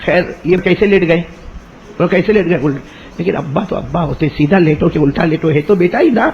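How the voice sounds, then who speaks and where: A man preaching a sermon, telling a story in an animated way and calling out questions for the audience to answer. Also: on the high side, vocal fry, highs cut off. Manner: chants Arabic verses in a drawn-out melodic recitation. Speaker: Islamic preacher.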